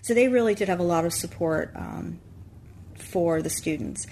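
A woman's voice: on the low side, moderate pace, creaky, slight background noise. A woman guest from Long Island telling a story in a casual interview, acting out the lines of the people in it. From Long Island, New York. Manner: animated, acts out quoted dialogue.

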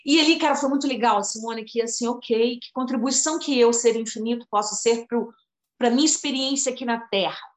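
A woman in her fifties with a slightly high voice, telling a personal story in a loose, emotional, rambling way. She keeps turning to her listener by name as she talks. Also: fairly quick, reverberant. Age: 50s. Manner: emotional, rambling, addresses the other by name often. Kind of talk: casual conversation about healing and spirituality.

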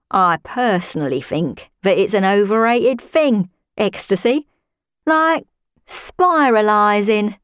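A woman playing a nosy, gossiping married woman who spies on her neighbour, chatty with dry deadpan asides. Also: medium pitch, no echo. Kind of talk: comic character monologue.

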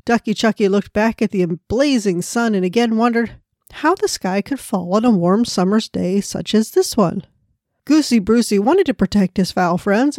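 A woman's voice: medium pitch, darkish tone, no room sound, clean studio sound. A woman hosting a devotional podcast, speaking in an earnest, prayerful way and narrating a children's story. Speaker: podcast host.

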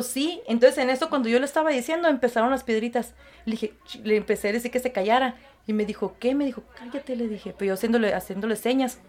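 A woman, a guest recounting her experiences and acting out the voices of others in lively conversation. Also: sits high. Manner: animated, acts out quoted voices, laughs easily. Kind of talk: storytelling in conversation.

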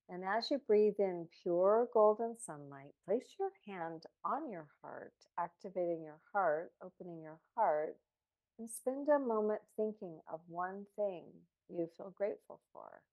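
Female meditation guide, lower-pitched, calm meditative delivery for a podcast breathing exercise. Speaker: podcast host.

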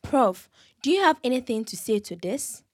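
An actress playing a composed woman lawyer who speaks in a calm, formal, measured way. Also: fairly high pitch, no room sound, studio quality. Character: composed young woman lawyer serving a summons.

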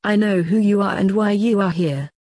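A woman reading the lines of a stern father who works as an assassin, in a terse, lecturing manner and a husky voice. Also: mid-range voice, moderate pace, dark tone, dry recording, natural voice.

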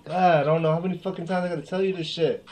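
A man co-hosting a relaxed podcast with friends, talking bluntly and swearing constantly. He teases his friends hard and has a beer going as he talks. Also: a little high, very fast, a little hiss or hum. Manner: heavy swearing, blunt teasing. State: drinking beer. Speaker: podcast co-host. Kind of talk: casual chat among friends.

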